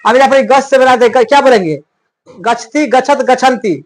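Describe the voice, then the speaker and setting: This male Sanskrit tutor has an extremely high pitch and a brisk delivery. He teaches grammar in homely, rustic speech, repeatedly asking questions and supplying the answers himself for practice.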